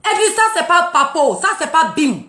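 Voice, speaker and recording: A woman's voice: very high-pitched, sing-song, normal speed, pushed and bright, slight background noise. A woman ranting on a live stream, mocking and taunting with frequent laughter and boasting. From Burkina Faso. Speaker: live social media streamer. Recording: roomy echo.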